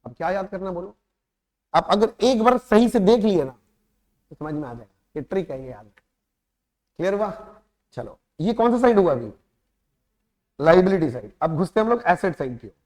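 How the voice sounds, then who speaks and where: A man with an Indian accent lectures a class on accounting, firing quick check-in questions at his students and slowing right down to stretch out key terms. His voice sits fairly high for a man. The classroom leaves a long, ringing reverb behind every line. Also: very animated, darkish tone. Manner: talks straight to students, quizzing them with quick questions; lapses into slow, drawn-out words when stressing terms. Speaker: accounting teacher.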